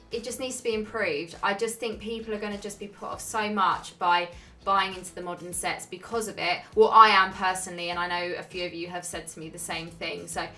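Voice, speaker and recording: A young woman with a medium-pitched, sharp-toned voice answers viewer questions in a casual Q&A chat. She's laid-back and chatty, dropping frequent "um"s.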